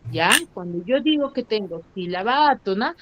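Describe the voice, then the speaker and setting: A woman's voice: mid-range voice, animated, normal speed, noisy background. A woman teaching an online class, quizzing pupils and stretching out syllables for emphasis, heard over a video call mic. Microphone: computer mic on a video call. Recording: slightly muffled online call audio.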